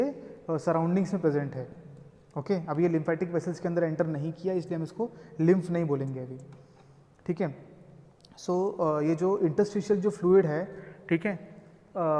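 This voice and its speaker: With a high-sitting, mellow voice, a male lecturer explains things step by step in a code-mixed classroom lecture, frequently checking in with his students. The classroom recording sounds reverberant.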